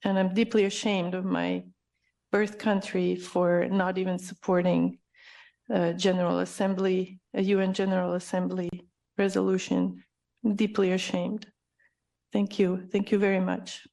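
Halting, gravelly woman from Croatia. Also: fairly low pitch, level tone, warm tone. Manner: halting and emotional, with many restarts. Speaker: public commenter. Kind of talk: public comment.

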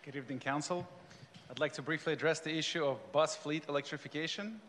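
Man making a pitch in an echoey chamber. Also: quick pace, a bit bright. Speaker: company founder giving public comment. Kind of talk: prepared business pitch. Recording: echoey chamber with background noise.

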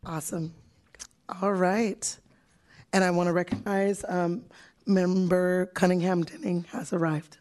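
A woman with a low voice chairs a public committee meeting. She reads a prepared statement and moves briskly through the agenda. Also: level tone, darkish tone.

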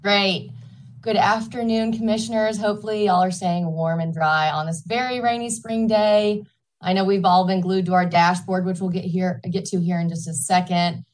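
A woman's voice: medium pitch, steady tone, moderate pace. A woman giving a friendly, formal prepared slide presentation as a staff presenter.

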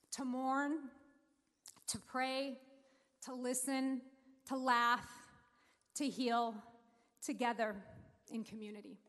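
A woman with a fairly high voice gives a slow, heartfelt speech from a stage. The sound rings with the long reverb of a large hall. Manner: heartfelt, slow and deliberate, getting emotional. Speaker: speaker introducing the mayor. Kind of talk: prepared speech at a civic celebration.

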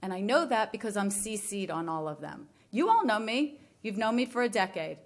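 A woman's voice: mid-range voice, sing-song, fairly quick. A woman giving public comment at a county budget hearing, an elected official who is angry and struggling to stay composed. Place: county commission chamber.

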